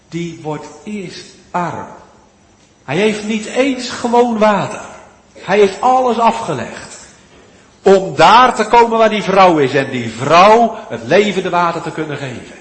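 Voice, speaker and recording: A man preaching a sermon, swinging between loud, pleading appeals and hushed, almost whispered lines. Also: a little high, expressive, slow. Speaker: pastor. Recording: echoey church hall, long reverb.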